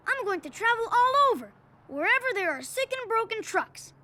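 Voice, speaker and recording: A woman's voice: extremely high pitch, big pitch swings, a little fast, noisy background. A woman voicing an eager young boy dump truck in a children's cartoon, bouncy and stubborn.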